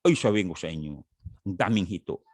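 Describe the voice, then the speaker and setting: Animated Filipino pastor preaching. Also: male voice, fairly quick, dry recording, clean studio sound. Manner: animated, jumps high in pitch to stress points; jokes and talks straight to viewers by name. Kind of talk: sermon.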